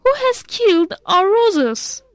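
Woman playing a little girl, upset, pleading, very high voice, slow, dry close sound, storybook. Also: big pitch swings, dry recording, heavily acted. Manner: pleading and crying out. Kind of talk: bilingual read-aloud story.

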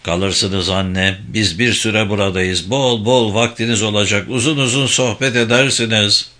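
A man voicing an affectionate, playful grown son who talks low and calm to his old parents in a storybook reading. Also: unhurried. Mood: tender.

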